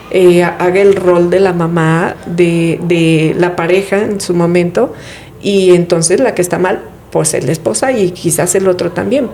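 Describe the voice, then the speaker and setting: A woman with a lowish, mellow voice speaks as an interview guest. She explains ideas in a calm, reflective way and poses rhetorical questions. A faint hiss sits under her voice. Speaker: guest speaking on family therapy. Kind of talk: conversational interview.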